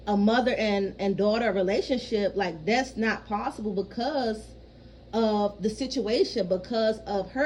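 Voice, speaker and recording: Speaking at a medium pitch over a little hiss or hum in poor audio, a vlogger in her thirties chats frankly about her life. She rambles, swears freely and keeps checking in with "you know what I mean".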